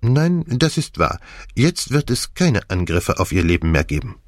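A man's voice: lowish voice, very animated, measured pace, no room sound, clean studio sound, voice pushed up. A man voicing a fussy, commanding elderly Belgian detective who speaks German with a French accent in a precise, formal way. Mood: polite, wry. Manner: precise, formal, lightly theatrical.

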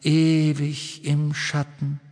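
A man voicing an evil, menacing voice hissing out of a locket, slow and taunting in a half-whisper. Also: a little high, completely flat delivery, darkish tone, in a large hall, voice pushed up.

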